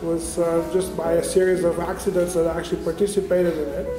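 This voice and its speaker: A man from Bulgaria speaks in a high, level voice with little rise and fall, explaining the competition in measured interview answers. The room rings around him, and music plays underneath. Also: level tone, warm tone. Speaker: linguistics olympiad organizer. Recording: roomy sound with music underneath.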